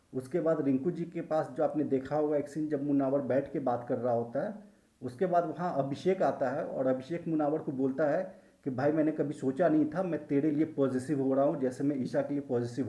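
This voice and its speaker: A man's voice: on the high side, warm tone. A man giving emphatic, opinionated commentary on a reality show, with heated, repetitive phrasing. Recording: echoey room.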